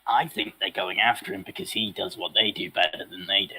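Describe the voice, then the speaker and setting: Husky, sardonic man joking dryly. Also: sits low, steady tone, brisk, sharp tone, rough recording. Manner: dry, sardonic jokes. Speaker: co-host. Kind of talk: casual podcast chat.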